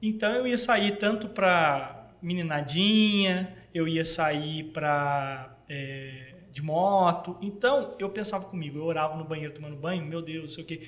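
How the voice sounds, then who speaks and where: A man's voice: fairly high pitch, unhurried, hardly any pauses, fairly bright tone. A man hosting a casual faith podcast, talking in an earnest, rambling way and often cutting himself off mid-sentence. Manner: earnest, rambling, self-interrupting.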